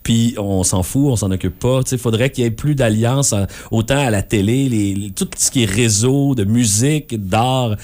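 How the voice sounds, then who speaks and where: A man's voice: mid-range voice, normal speed, few pauses, darkish tone. A man with a colloquial Québécois French accent gives his opinions in casual chat, informal, slangy and blunt.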